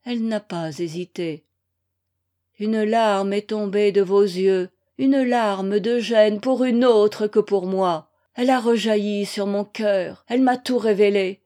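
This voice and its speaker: A woman's voice: mid-range voice, slow pace, warm tone, natural voice. A woman reading aloud the farewell letter of a heartbroken, devoted young woman, in a tender, solemn, pleading manner. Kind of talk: audiobook reading.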